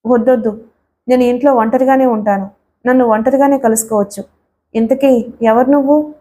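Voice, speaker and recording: A woman's voice: fairly high pitch, fairly even intonation, normal speed, mellow, lightly acted. Woman narrator doing a bruised frightened man, desperate, angry, pleading, audiobook thriller. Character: beaten, frightened man drinking rum.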